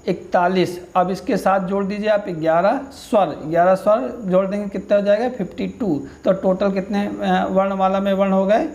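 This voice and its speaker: A man's voice: high voice, normal speed, hardly any pauses. A male teacher giving an exam-prep grammar lesson, asking questions, then answering and repeating them patiently. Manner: steady, patient explaining.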